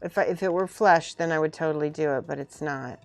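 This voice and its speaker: A woman with a slightly low voice talks casually to her live-stream viewers while she works with her hands. She thinks aloud in loose, informal remarks, often half muttering to herself. Music plays softly behind her. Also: a little fast, no room sound. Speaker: streamer building and painting miniature models.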